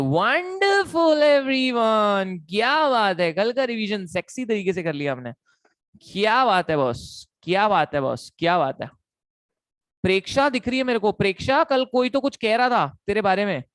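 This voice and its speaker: A man's voice: high voice, a bit bright, smooth, no echo. A young man giving an online lecture, playful and teasing, repeating himself often. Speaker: teacher.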